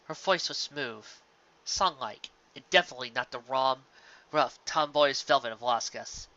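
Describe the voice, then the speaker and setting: At a moderate pace, a mid-range male narrator performs scripted fiction with dramatic emphasis, some phrases booming and others hushed. The audio sounds dull.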